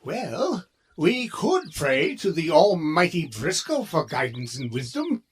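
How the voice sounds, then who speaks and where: A man voicing a smug, pompous male robot in an audio drama, speaking with a grand, self-congratulating drawl and a gravelly edge. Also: fairly high pitch, wildly swooping pitch, slow, a little hiss or hum, heavily acted. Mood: pondering.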